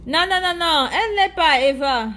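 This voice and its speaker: A woman's voice: extremely high pitch, animated, normal speed, bright, forceful tone. A woman with an African French accent, chatting casually to her viewers, often hunting for words and repeating herself. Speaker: live streamer answering viewers' comments. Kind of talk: casual chat commentary.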